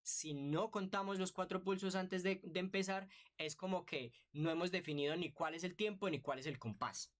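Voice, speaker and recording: Patient music teacher, slightly high voice. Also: male voice, normal speed, few pauses. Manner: patient, explanatory, asks rhetorical questions. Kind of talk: online music lesson.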